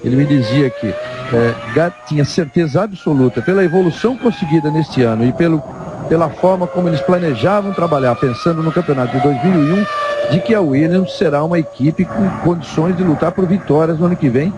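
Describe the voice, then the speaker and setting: A man's voice: fairly high pitch, fairly quick. A man with a Brazilian accent giving live motorsport commentary as the analyst, explaining in a hesitant way. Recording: very loud engine noise behind voice.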